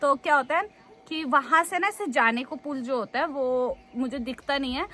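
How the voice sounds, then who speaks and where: A young woman with a fairly high voice chats to camera as a travel vlogger. She retells her story in a lively, casual way and fills it with little filler words. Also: moderate pace. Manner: chatty, animated retelling full of fillers.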